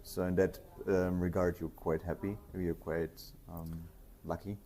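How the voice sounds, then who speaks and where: A man's voice: low-pitched, little pitch movement, unhurried, mellow. A man hosting a podcast interview, asking questions and giving short encouraging responses. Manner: short encouraging backchannels, asks questions with some fillers. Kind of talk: casual conversational interview.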